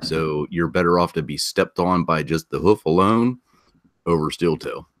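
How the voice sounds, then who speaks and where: A man with a very deep voice speaks bluntly and crudely in a casual group chat. His voice sounds dry and close, with no room sound around it. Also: moderate pace, no echo. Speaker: chat participant.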